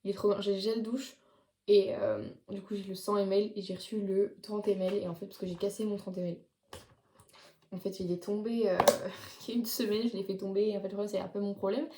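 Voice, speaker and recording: A teenage girl talks through her haul in a loose, chatty way, leaning on casual fillers as she goes. Her voice is mellow and relaxed. The room around her rings with noticeable echo. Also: mid-range voice, brisk, slight background noise. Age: late teens. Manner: chatty, many fillers like "genre" and "du coup". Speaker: vlogger. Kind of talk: casual haul video chat. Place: her bedroom.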